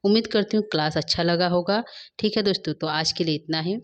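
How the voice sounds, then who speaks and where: A woman with a fairly low voice teaches Sanskrit grammar in an online class. She explains each point step by step and keeps asking questions that she answers herself. Her carries through the lesson. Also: fairly quick.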